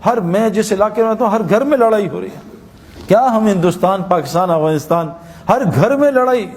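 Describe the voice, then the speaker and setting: A man's voice: high-pitched, darkish tone, long reverb tail. A man preaching a sermon, telling stories and acting out their dialogue in an earnest manner. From Pakistan. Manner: storytelling, earnest, acts out dialogue.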